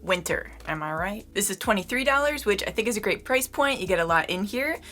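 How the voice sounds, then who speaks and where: A young woman giving a casual beauty product review. She is slightly hoarse and talks to her viewers in a chatty way, often using "like" as a filler. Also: medium pitch, expressive, fairly quick, pushed and bright. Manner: chatty, addresses viewers as "you guys", frequent "like" fillers. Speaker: beauty vlogger.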